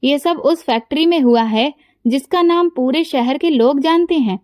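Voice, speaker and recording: A woman's voice: high voice, normal speed, a little mellow, no room sound, clean studio sound, close to an everyday voice. A woman reading the lines of a proud poor young boy who speaks hesitantly, bitter and sorrowful. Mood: grieving.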